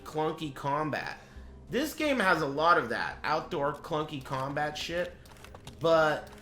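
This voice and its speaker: A male game streamer gives his impressions casually and off the cuff. His voice is a little high for a man, with a bright, forceful edge, and he comes across as blunt, profane, and dryly sarcastic.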